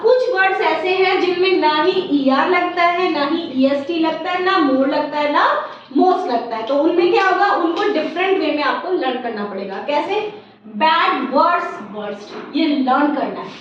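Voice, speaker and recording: A woman with an Indian English accent and a very high voice teaches a grammar class, answering her own questions as she goes. She sounds distant from the mic in a room with a lot of echo. The recording is dull and lo-fi, with faint noise underneath. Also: fairly bright tone. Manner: asks questions and answers them herself, calls listeners child. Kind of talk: classroom lesson.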